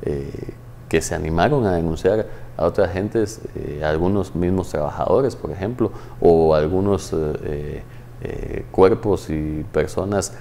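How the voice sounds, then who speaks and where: A man in his thirties, a studio interview guest who explains in a measured way with many hesitant fillers. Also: deep voice, creaky, mellow, slight background noise. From Guatemala. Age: 30s. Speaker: guest, former tax agency head.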